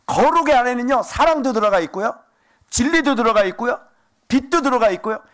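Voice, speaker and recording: A man preaching a sermon as pastor, animated and asking the congregation rhetorical questions. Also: extremely high pitch, quick pace.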